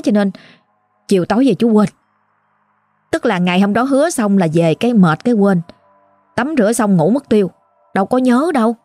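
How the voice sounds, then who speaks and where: A woman's voice: medium pitch, a little mellow, no room sound. A woman with a Southern Vietnamese accent narrating a ghost story in a chatty, exclaiming way, talking straight to her listeners.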